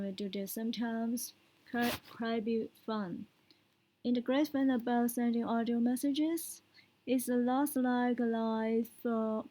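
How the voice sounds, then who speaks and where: A woman teaching English speaking tips, explaining step by step and often checking in with a quick question. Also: on the high side, warm tone, low-quality recording. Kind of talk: spoken language lesson.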